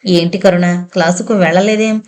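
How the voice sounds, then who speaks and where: A woman narrator voicing a kind, gentle orphanage warden in a spoken novel, with a coaxing, soothing manner. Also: fairly low pitch, fairly even intonation, fairly quick, natural voice.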